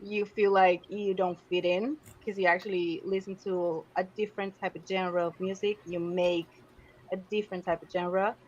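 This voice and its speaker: Animated young woman guest, slightly dull audio. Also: on the low side, normal speed. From Argentina. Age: 20s. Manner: animated, laughs often, searching for words. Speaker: guest artist. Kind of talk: casual interview chat.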